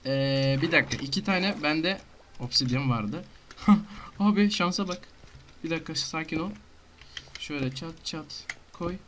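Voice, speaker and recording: A man giving casual commentary on his own gameplay, talking to himself and breaking into frantic shouting and rapid repeated words. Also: a little high, slight background noise. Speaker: gamer.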